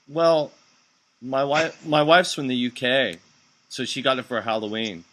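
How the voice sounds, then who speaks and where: A man's voice: mid-range voice, steady tone, takes it slowly, a bit bright, low-quality recording. A man hosting a casual live stream chat, making wry, skeptical asides. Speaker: show host.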